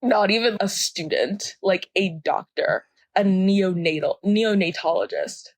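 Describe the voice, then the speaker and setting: Her mid-range voice unhurried and recorded dry, a young woman co-hosting a podcast launches into a casual, heated, profane rant about things she hates, laughing at her own story along the way.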